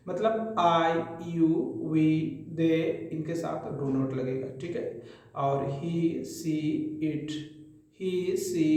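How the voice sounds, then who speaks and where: A man's voice: on the high side, a little mellow. A man teaching a spoken English grammar lesson, patiently drilling example sentences one after another. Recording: very echoey room.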